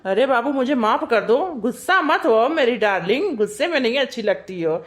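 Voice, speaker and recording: A woman's voice: fairly high pitch, lively intonation, normal speed, lightly acted. A woman voicing a meek young village husband in a cartoon, sweet-talking his wife. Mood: pleading. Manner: pleading, sweet-talking, wheedling. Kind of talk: cartoon voice acting.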